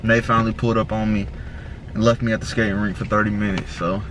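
A man's voice: on the low side, little pitch movement, fast talker. Young man talking with lips held open. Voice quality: slightly altered speech from new braces. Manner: slangy, laid-back, teasing. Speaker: vlogger. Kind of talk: casual vlog chat. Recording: noisy street with traffic.

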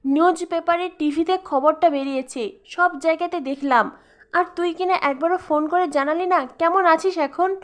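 A woman's voice: very high-pitched, moderate pace. A woman reading the lines of a confident, protective older sister in a retold serial. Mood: urgent.

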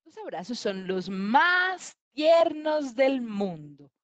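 A woman voicing a lonely, whiny little leopard cub in a storybook read-aloud, in a high, squeaky, complaining voice. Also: huge pitch swings, a little slow, no echo, full character voice.

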